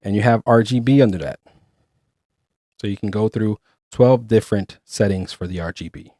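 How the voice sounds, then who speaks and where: A man's voice: lowish voice, normal speed, warm tone, dry recording, studio quality. A man hosting a casual product review, chatty and explaining features step by step. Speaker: gear reviewer and host.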